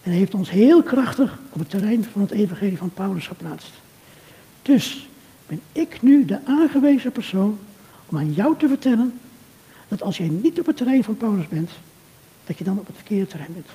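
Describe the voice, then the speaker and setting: An older man giving an earnest, measured sermon talk, speaking directly to a churchgoer. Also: high-pitched, expressive, warm tone. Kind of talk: reflective sermon talk addressed to a listener. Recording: long reverb of a hall.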